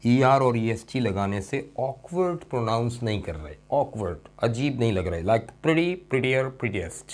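A male English teacher giving a classroom grammar lesson. He stretches out example words and repeats them, and he keeps checking that his students follow. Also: medium pitch. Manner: addresses students warmly as "son" and checks understanding with "okay?".

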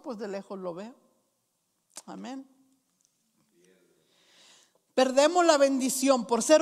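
A woman pastor preaching a sermon and telling personal stories, slow and earnest, with frequent restarts. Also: high-pitched. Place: church hall. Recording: long reverb of a church hall.

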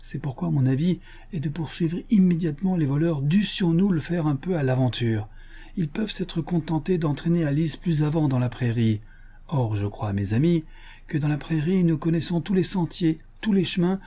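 A man's voice: fairly high pitch, expressive, normal speed, mellow, breathy edge, pitched above the performer's own voice. A man voicing an impassioned male frontier scout, his voice raised and vibrant with emotion and anger. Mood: urgent.

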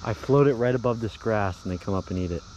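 A young man vlogging while pond fishing, excitedly talking to his viewers. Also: on the low side, fast talker, slight background noise, poor audio. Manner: excited, exclamatory, talks to viewers. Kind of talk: casual outdoor fishing vlog. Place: outdoors by a pond.

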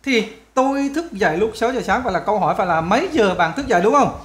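Male tutor, Vietnamese native speaker, high voice, chatty, repeats phrases slowly. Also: lively intonation. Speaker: English teacher. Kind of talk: casual tutoring walkthrough.

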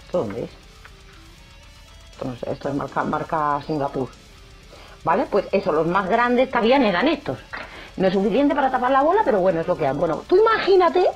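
Young woman, jokey vlogger chat, dull-ish audio, faint music under it. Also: mid-range voice. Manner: chatty, jokey, animated, acts out quoted voices. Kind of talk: casual chat to camera.

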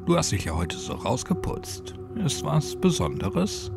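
A man's voice: mid-range voice, huge pitch swings, a little slow, gravelly, over loud music, voice pushed up, full character voice. A man voicing an easygoing, forgetful young boyfriend who jokes and turns sheepish, in a spoken horror story. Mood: joking.

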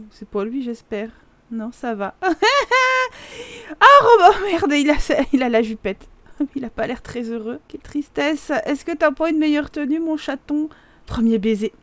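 A high-voiced young woman chats excitedly through her gameplay, reacting out loud and laughing often. Her commentary is casual and animated, the style of a video game host talking straight to her viewers. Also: dry recording. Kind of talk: casual Let's Play commentary.

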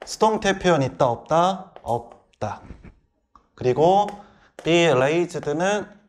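A middle-aged male English instructor giving a classroom grammar lecture, firing quick questions at students and answering them himself. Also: fairly high pitch, lively intonation.

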